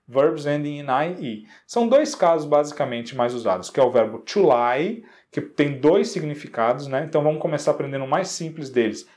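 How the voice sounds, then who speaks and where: A man's voice: a little high, a little mellow. A Brazilian man teaching an English grammar lesson, explaining patiently and checking in with his students often. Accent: Brazilian Portuguese. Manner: slows down to pronounce English examples.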